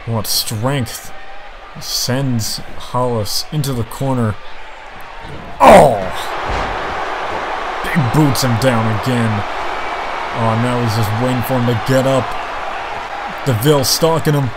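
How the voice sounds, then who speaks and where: A man's voice: mid-range voice, measured pace, crowd noise. Exclamatory male wrestling commentator, noisy background. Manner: exclamatory, dramatic, emphatic reactions. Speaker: professional wrestling play-by-play commentator.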